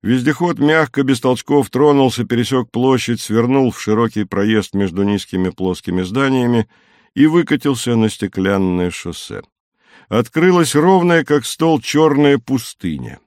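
A man narrating an audiobook at a steady, measured pace. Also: medium pitch, no room sound, clean studio sound. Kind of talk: audiobook reading.

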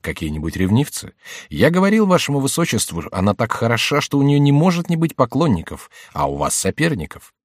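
A man's voice: medium pitch, wildly swooping pitch, brisk, dry recording, studio quality, pitched above the performer's own voice. A man voicing a cautious, deferential male servant of a duke.

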